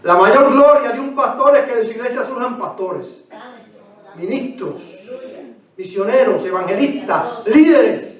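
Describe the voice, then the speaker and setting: High-voiced man preaching in an echoing church. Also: lively intonation, a little slow. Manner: impassioned, builds repeated lists. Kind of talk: sermon. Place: church sanctuary. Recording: very echoey church, far from mic.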